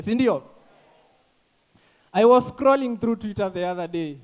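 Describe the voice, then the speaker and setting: A young man with a Kenyan accent doing a stand-up comedy set, mixing English and Swahili slang and acting out the people in his stories. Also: sits high. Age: young adult. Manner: switches between English and Swahili slang, acts out quoted callers. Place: comedy stage before a live audience.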